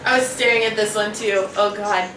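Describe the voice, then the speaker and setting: A woman's voice: mid-range voice, fairly even intonation, a little fast, background noise. A woman chatting casually with friends, playful and wisecracking, as co-host of a video. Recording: roomy echo, distant mic, music behind.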